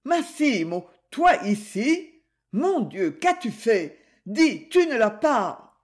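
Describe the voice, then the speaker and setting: A woman's voice: a little high, sing-song, measured pace, a little mellow, pitched above the performer's own voice. A woman reading aloud, voicing a young divorced woman, a former nightclub singer, in a raised, pleading voice. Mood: shocked. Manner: pleading, emotional.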